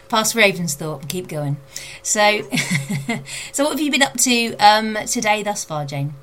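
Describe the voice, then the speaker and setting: A woman's voice: mid-range voice, animated, takes it slowly, slight background noise. A woman author hosting her own show, chatting casually with lots of ums before interviewing a guest. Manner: chatty, warm-hearted enthusiasm with many fillers. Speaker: podcast host and author.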